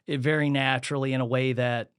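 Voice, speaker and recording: A man's voice: mid-range voice, fast talker, clean tone, no echo, clean studio sound. A man hosting a podcast, telling stories in casual conversation and acting out the people he quotes. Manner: animated, acts out the voices of people in his stories. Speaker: podcast host.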